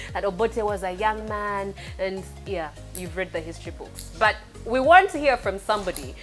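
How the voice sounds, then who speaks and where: A woman's voice: mid-range voice, a bit bright. A young Ugandan woman hosting a casual talk show in a salon, teasing her guests and laughing often. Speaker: host. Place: salon set, indoors. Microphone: lapel mic.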